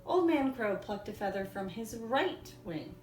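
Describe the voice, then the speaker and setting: A woman teacher reading a storybook aloud for young children, in simple, deliberate phrases. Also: a little high, expressive, darkish tone, soft background music. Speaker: elementary school teacher. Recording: echoey room, distant mic, faint noise.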